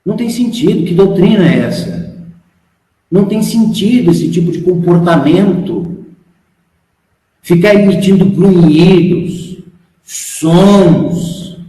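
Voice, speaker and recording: A man with a Brazilian Portuguese accent giving a frank, emphatic spiritual lecture, asking his followers rhetorical questions. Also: high-pitched. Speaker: spiritual instructor. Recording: echoey hall, long reverb.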